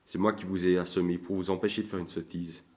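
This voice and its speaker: A man voicing a calm, firm Jesuit priest who speaks with measured authority, in a storybook reading. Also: low-pitched, natural voice.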